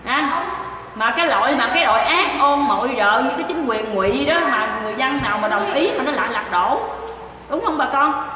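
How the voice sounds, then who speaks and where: A woman's voice: high voice, animated, a little fast. A woman with a Southern Vietnamese accent, hosting a livestream in which she rants heatedly and repeats insults while addressing her viewers. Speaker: livestream host. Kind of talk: angry livestream rant. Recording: echoey hall from far off, noisy.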